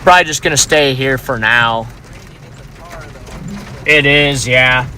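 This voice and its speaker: A man's voice: medium pitch, slow pace, pushed and bright. A man giving casual, informal livestream commentary as a storm chaser, talking to his chat from inside a car. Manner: informal, talks to chat while watching storm. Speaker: storm chaser live streamer. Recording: noisy car with outdoor ambience.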